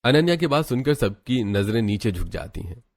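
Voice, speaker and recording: A man narrating a cartoon story in a steady, plain storytelling manner. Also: mid-range voice, normal speed.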